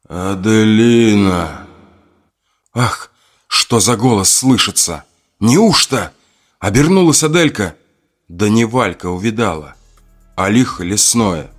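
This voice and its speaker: A man narrating a horror folk tale in a grim, measured storytelling manner. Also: lowish voice.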